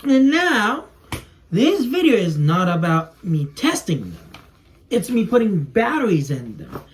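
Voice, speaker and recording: Unhurried and high-voiced with huge pitch swings, this young adult native Spanish speaker makes toy videos. He casually rambles as he demonstrates something to camera inside a small room at home, and the recording carries clear background noise and clicking.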